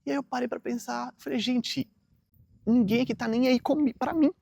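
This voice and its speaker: A man's voice: very high-pitched, steady tone, normal speed, vocal fry, warm tone, no room sound. A man, talking casually and earnestly to camera in a rambling motivational vlog full of fillers. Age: 30s. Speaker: vlogger.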